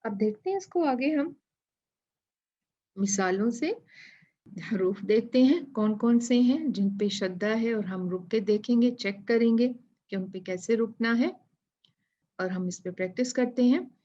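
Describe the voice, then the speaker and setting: A woman teaching a Tajweed lesson, drilling syllables slowly and repeating them for students to echo. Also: on the high side, mellow. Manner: drawn-out chanted recitation of verses. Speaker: Quran recitation teacher. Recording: dull lo-fi sound.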